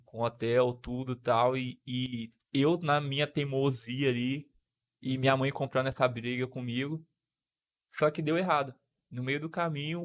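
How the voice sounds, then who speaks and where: A young man from Brazil hosting a podcast, telling a personal story with feeling, full of slang and restarts. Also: mid-range voice. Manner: emotional, slang-filled storytelling with frequent restarts. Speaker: podcast host.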